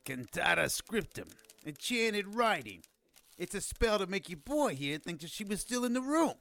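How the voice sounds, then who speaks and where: Casting: sardonic, taunting wise guy for audio drama, fairly high voice, very lively swings. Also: moderate pace, gravelly, heavily acted. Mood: smug, knowing. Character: cocky, mocking wise guy from an enchanted world.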